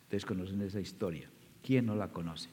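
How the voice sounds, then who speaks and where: A man's voice: sits low, fairly quick, dark tone. A man preaching a sermon, retelling scripture as a story and speaking straight to his congregation. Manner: storytelling, addresses the congregation directly. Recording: long reverb of a large hall.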